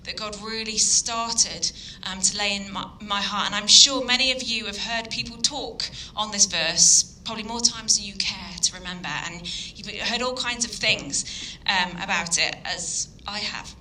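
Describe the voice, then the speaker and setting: A guest speaker from Yorkshire, England, a woman with a Yorkshire English accent, preaches an evening sermon earnestly but hesitantly, with frequent ums. Her medium-pitched voice is very bright and sharp, and a faint hiss sits behind it in this low-quality recording.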